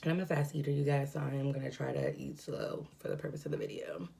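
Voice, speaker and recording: A woman's voice: extremely low pitch, quick pace, creaky. A young adult woman talking casually while eating a mukbang meal at home, rambling with lots of fillers and breathing heavily from a cold. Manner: rambling, filler-heavy, relaxed. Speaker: mukbang vlogger. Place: at home indoors.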